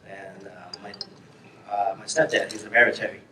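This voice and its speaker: A man's voice: lowish voice, flat delivery, normal speed. A man from Thailand who grew up in Florida, answering audience questions in loose, rambling bursts. His voice is heard from a distance in an echoey hall, with faint noise behind. He laughs readily as he talks. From Thailand, raised in Florida. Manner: casual, rambling, laughs often. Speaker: film director. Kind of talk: festival Q&A. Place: screening venue with audience. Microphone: far from the mic.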